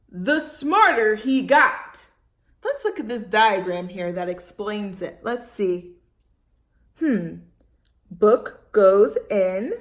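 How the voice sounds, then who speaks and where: Reading to young kids at story time, a woman with a fairly high voice leans into dramatic emphasis, drawing out words and posing questions to her audience. The room she's in is echoey.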